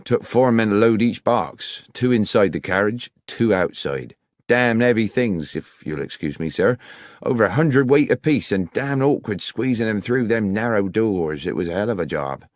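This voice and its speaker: In a studio-quality audiobook recording with no room sound, a man uses a natural, fairly low, animated voice at normal speed to portray a railway foreman in his fifties. The foreman comes across as amiable, deferential, helpful, and respectful, speaking plainly with working-class turns of phrase.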